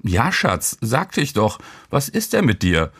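A cheerful young woman chatters to her sleepy partner, as a male narrator puts her on. The voice is lifted well above his usual register and moves in lively swings. It is an audiobook reading. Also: mid-range voice, unhurried, breathy edge, heavily acted. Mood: chatty.

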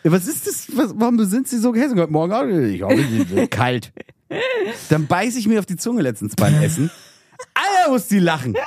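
A man's voice: high voice, wildly swooping pitch, fairly quick, a little mellow, slightly rough, dry recording, clean studio sound. A young man co-hosting a podcast, telling a story with mock outrage and plenty of swearing. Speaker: podcast co-host. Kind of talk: casual chat.

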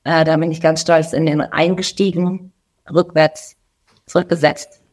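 A woman's voice: low-pitched, steady tone, a little slow, a little mellow. A woman co-hosting a podcast who chats playfully, laughs easily and tells her own stories with dramatic flair. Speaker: podcast co-host. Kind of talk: casual chat.

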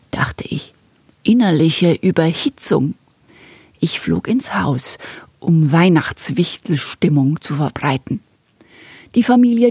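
Breathy woman reading a storybook. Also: fairly low pitch, no room sound, clean studio sound. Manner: calm, gently expressive, speaks as the elf. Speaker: narrator. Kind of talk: storybook narration.

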